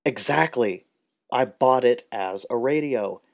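A man reading the lines of a flustered, bewildered man in an audiobook, with an excitable, exasperated delivery. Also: medium pitch, slow.

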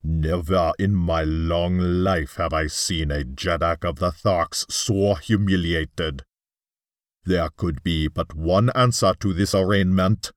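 A stern old alien chieftain speaks slowly in a deep, cold, hard voice, as a man voices him. The sound is dry and close. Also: dry recording.

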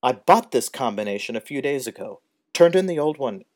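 A man reading the lines of a flustered, bewildered man in an audiobook, with an excitable, exasperated delivery. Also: mid-range voice, a little fast, pitched above the performer's own voice, natural voice.

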